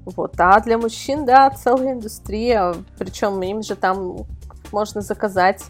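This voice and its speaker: Guesting on a relaxed podcast, a magazine-style portal editor chats through her expert explanations in answer to the host. She speaks unhurriedly at a medium pitch with fairly even intonation, with soft music in the background.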